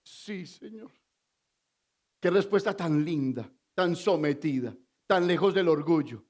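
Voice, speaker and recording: A man's voice: on the high side, normal speed, a little mellow. A male pastor preaching a sermon with emphasis, asking the congregation questions as he goes.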